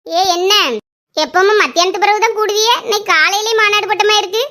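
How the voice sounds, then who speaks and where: Woman, one-woman comedy sketch, high bright voice, quick character switches. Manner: switches between scolding mother, whiny girl and friend voices. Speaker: comedy sketch creator playing all the parts.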